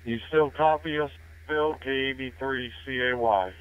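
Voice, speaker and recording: A man's voice: medium pitch, measured pace, a little hiss or hum. Man over a tinny radio intercom. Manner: relaxed and chatty, ends turns with radio sign-offs. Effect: heard through a two-way radio, like a helmet intercom. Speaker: amateur radio operator. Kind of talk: casual radio check-in chat. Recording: tinny narrowband radio transmission.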